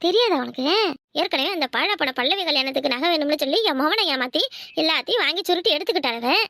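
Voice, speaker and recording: Woman voicing cartoon village gossips, spiteful, nosy, very high voice, scornful, dry close recording. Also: expressive, quick pace, pushed and bright, dry recording, full character voice. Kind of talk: cartoon voice acting.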